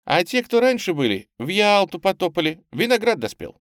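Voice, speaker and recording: A bright, cheerful young woman coaxes and reassures street kids in a warm, gentle voice, as a man puts her on for an audiobook. She sounds high and animated, recorded dry and close. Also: normal speed, no echo. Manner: warm and coaxing.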